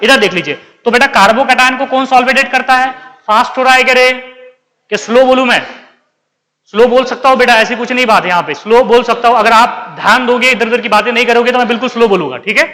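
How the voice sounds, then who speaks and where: Indian man, chemistry lecture, high bright voice, quizzes students constantly, hall reverb. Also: fast talker. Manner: keeps quizzing students and answering himself, calls them beta. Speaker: chemistry teacher. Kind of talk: classroom lecture.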